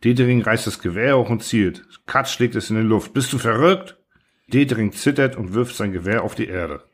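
A man reading a literary story aloud in a measured, somber narration. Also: on the low side. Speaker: audiobook reader.

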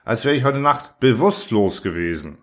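A man reading a hungover, self-pitying and somewhat pompous man stuck in bed, in a plaintive, higher voice. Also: very animated, moderate pace, a bit bright. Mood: querulous.

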